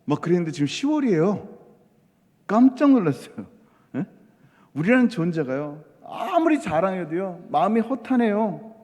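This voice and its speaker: A middle-aged man preaches a sermon in a slightly high voice that swings up and down a lot. He keeps putting questions to the congregation in an animated way. His voice rings with the long reverb of a church hall. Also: normal speed. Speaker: missionary preacher. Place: church sanctuary.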